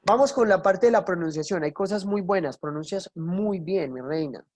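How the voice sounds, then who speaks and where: A woman teaching an online English class, coaxing her students and explaining pronunciation step by step with plenty of examples. Her voice sits fairly low and sounds close and dry, with no room around it. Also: normal speed, a little mellow, no room sound. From Colombia.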